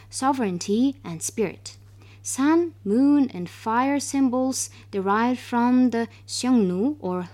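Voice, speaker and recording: Mellow woman narrator. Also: on the high side. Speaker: radio presenter. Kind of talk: scripted informational narration.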